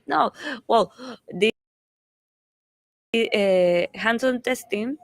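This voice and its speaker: Slow, hesitant woman with a Mexican accent. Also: on the high side, creaky, no echo, clean studio sound. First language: Spanish. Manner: hesitant, searching for words, laughs often. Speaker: interview guest, company founder. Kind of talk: casual conference interview.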